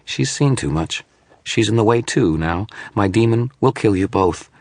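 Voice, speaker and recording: A man's voice: lowish voice, lively intonation, moderate pace, darkish tone, dry recording, studio quality, voice pushed up. A man voicing a sneering sorcerer's phantom. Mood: menacing. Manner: cold, gloating, scornful. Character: sneering shadowy phantom of an unseen sorcerer, supremely confident. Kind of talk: audiobook narration.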